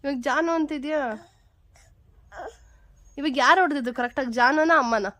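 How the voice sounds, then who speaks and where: A woman's voice: sits high, normal speed. A woman at home, a mother, coaxing her child with repeated, questioning talk. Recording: loud background noise.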